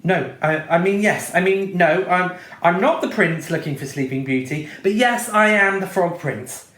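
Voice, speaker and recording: Frog prince, young, whiny, breathless and high; man voices him. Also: normal speed, a bit bright, echoey room. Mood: flustered.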